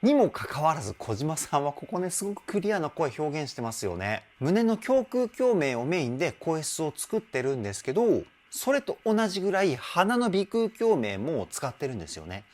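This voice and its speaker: A man working as a vocal trainer, giving enthusiastic vocal analysis commentary and explaining clearly, with a song playing faintly behind him. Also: on the high side, big pitch swings, moderate pace, few pauses, darkish tone. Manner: enthusiastic, explains with sung demonstrations.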